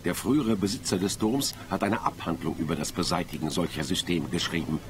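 An actor playing an anxious, bookish mage in a video game, excitable and pedantic as he explains things. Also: deep voice, a little fast, a little hiss or hum, natural voice. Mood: earnest explaining. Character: anxious, bookish male mage, grateful and long-winded.

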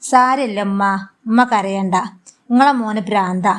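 A woman's voice: medium pitch, moderate pace, close to an everyday voice. Woman reading a caring daughter-in-law, earnest and reproachful, Malabar accent, storybook. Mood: concerned. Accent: Malabar Malayalam. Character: kind, firm young daughter-in-law.

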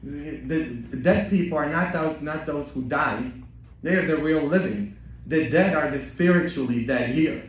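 Priest in an echoey church. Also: male voice, a little high, normal speed, distant mic. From Poland. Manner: joking, bantering with the congregation, rising to loud exhortation. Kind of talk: Easter homily and parish announcements. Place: large church.

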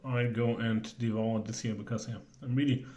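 A man's voice: mid-range voice, flat delivery, moderate pace, darkish tone, reverberant. A young man, chatting casually and hesitantly while trying food in a home cooking video. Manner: rambling, hesitant, joking. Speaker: cooking vlogger. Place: home kitchen.

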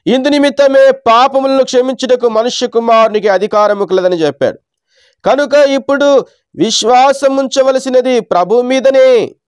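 A man from India preaching a Sunday sermon in a measured teaching tone, asking his listeners rhetorical questions. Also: very high voice, clear, resonant tone, no echo, clean studio sound.

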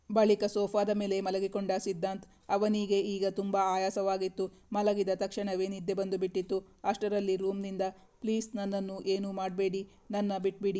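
A narrator reading a serialized romance novel aloud in a steady, even storytelling manner. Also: medium pitch, clear, resonant tone.

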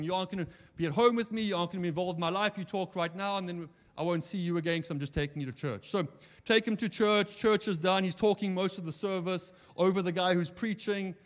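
A man preaching a sermon, telling a story in a lively way and acting out the dialogue. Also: sits high. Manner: animated anecdote-telling, acting out quoted dialogue. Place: church hall. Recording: long church reverb.

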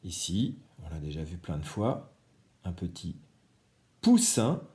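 A man's voice: low voice, normal speed, mellow. A man teaching a reading lesson to young children, patiently stressing each key word.

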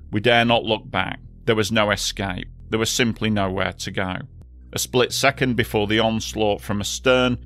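A man narrating a history documentary in a steady, measured storytelling voice. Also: on the low side. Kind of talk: scripted narration.

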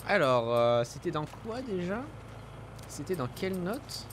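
A young man giving casual, joking and excitable game commentary in slang, jumpy when startled. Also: high voice, unhurried, a little hiss or hum. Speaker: game streamer. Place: indoor room at home. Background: game sounds.

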